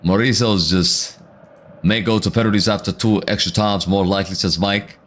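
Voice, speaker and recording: Male watchalong streamer, low-ish voice, casual slang, reacts to play and reads chat. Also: steady tone, normal speed, fairly bright tone. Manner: casual and slangy, addresses viewers as chat and bro; reads out viewer comments between reactions. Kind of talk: live football watchalong commentary.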